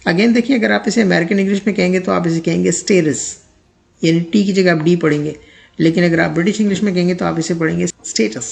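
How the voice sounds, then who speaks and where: A man teaching English pronunciation in a lesson, speaking, who repeats each word slowly and then reads out an example sentence. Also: high-pitched, gravelly.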